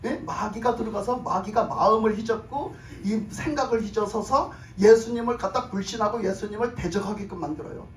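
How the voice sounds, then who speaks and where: A woman pastor giving an emphatic sermon, firing off rhetorical questions and rising to shouts. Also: mid-range voice, a little fast, hardly any pauses. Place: church sanctuary. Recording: echoey hall, mic from a distance, faint room noise.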